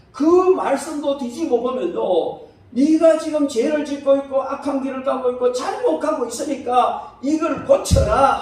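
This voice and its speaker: A pastor delivers a sermon in a high, mellow voice. He swings from loud, ringing exclamations to quiet, low asides. His voice rings through a very echoey church hall from some distance away. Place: church sanctuary.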